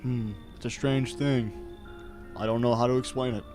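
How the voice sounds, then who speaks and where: A man voicing a calm, mysterious male fortune teller who talks slowly and cryptically. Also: mid-range voice, music in the background, close to an everyday voice. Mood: solemn, cryptic. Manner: slow, solemn, cryptic.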